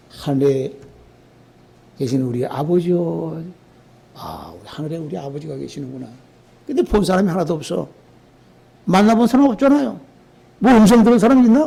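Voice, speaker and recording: A pastor preaching a Sunday sermon in a colloquial, emphatic way, full of rhetorical questions. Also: male voice, a little high, vocal fry, warm tone.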